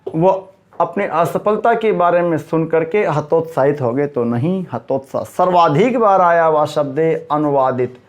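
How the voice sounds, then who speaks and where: A man teaching a spoken grammar lesson, stressing and repeating each correct word form and speaking straight to his students. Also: fairly high pitch. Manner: emphatic, repeats correct word forms slowly; addresses students directly, asks and answers himself.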